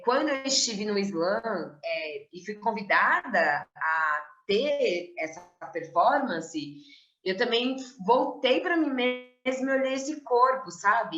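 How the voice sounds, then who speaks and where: A woman's voice: mid-range voice, a bit bright, reverberant, muffled recording. A woman and slam poet talking reflectively on an online panel, with fillers.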